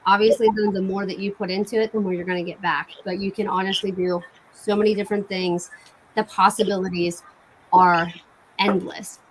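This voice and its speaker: A woman talks in a chatty, enthusiastic way, as if selling to friends on a casual live stream. Her voice sits at an average female pitch. There is clear noise and clicking on the home recording. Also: little pitch movement, a little fast. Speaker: cosmetics sales consultant hosting online bingo night.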